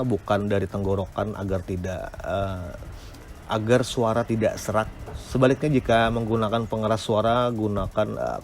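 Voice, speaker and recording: Guy lecturing a class on public speaking, lowish voice, lots of little "eh"s, a bit of hiss behind. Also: darkish tone. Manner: explanatory, frequent hesitant "eh" fillers.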